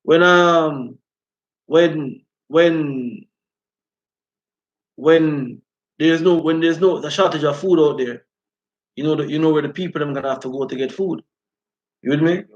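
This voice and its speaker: High-pitched man, rasta-style talk. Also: a little slow, pauses often, highs cut off. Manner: repeatedly checks listeners follow. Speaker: host of a live talk stream. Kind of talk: informal live commentary, reading out viewer comments.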